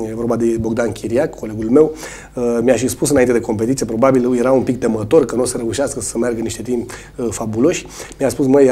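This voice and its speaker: Hoarse coach, husky and mellow, hesitant delivery with frequent fillers. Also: male voice, medium pitch. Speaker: swimming coach. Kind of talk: studio interview answers.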